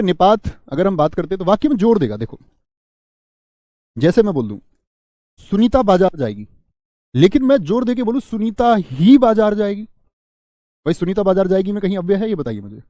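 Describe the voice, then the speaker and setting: A man teaching Hindi grammar in a live online class, repeating key phrases slowly, quizzing viewers and answering their chat. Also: sits high, sing-song, warm tone, no echo, studio quality. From India.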